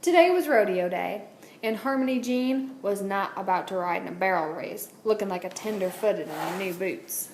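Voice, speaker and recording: With an expressive, darkish, medium-pitched voice at a normal pace, a woman teacher reads a children's storybook indoors. The book appears on camera at a wooden table, and the sound carries a roomy echo and clear background noise.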